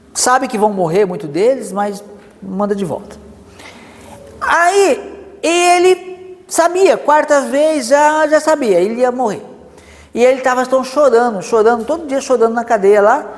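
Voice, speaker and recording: A Brazilian man preaching a sermon, telling a story with lively asides. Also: extremely high pitch, in a large hall. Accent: Brazilian Portuguese. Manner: animated storytelling with many asides.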